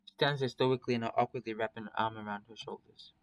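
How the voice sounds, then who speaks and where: A man's voice: medium pitch, fairly even intonation, fast talker, highs cut off. A man reading a first-person story aloud in a casual, plain way, with small slips and restarts.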